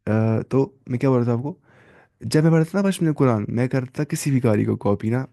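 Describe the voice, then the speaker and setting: A man teaching a live online Quran reading lesson, drilling letters and sounds slowly one by one. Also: medium pitch, gravelly, warm tone. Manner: slow drawn-out letter-by-letter drilling.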